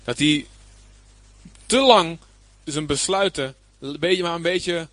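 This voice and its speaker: A man's voice: fairly high pitch, takes it slowly, fairly bright tone, no echo. A man preaching a Bible lesson, reading scripture aloud and then explaining it plainly, with emphasis and some hesitant fillers. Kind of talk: Bible teaching.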